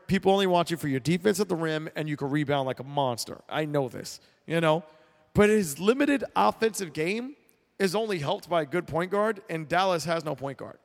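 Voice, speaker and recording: A man hosting a sports talk show, with a somewhat high voice and a blunt, opinionated delivery. He rambles, restarts and repeats words. The recording has a long, echoing reverb. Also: gravelly.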